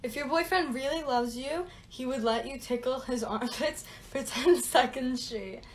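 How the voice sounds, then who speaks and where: A woman's voice: sits high, unhurried. A young woman talking in a playful, casual way for a challenge video, giggly and teasing.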